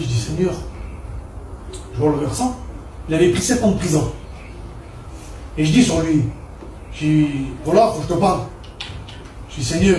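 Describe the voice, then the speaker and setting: A man's voice: a little high, warm tone, slight background noise. A man from Perpignan in southern France giving a fervent church testimony, telling his story with many repeated "I said" turns. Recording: echoey room picked up from a distance.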